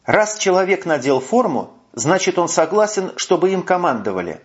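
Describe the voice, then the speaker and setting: A man's voice: high voice, sing-song, normal speed, voice pushed up. A man voicing a cool, ironic young auburn-haired woman who talks in a languid drawl, on a muffled recording. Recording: muffled lo-fi audio.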